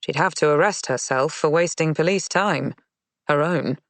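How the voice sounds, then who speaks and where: A man narrating a mystery audiobook in a measured, even reading. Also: fairly high pitch, no echo. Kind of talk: scripted narration.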